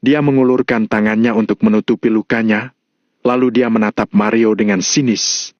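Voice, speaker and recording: A man's voice: lowish voice, steady tone, moderate pace, darkish tone, no echo, highs cut off. Man reading a novel aloud. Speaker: narrator.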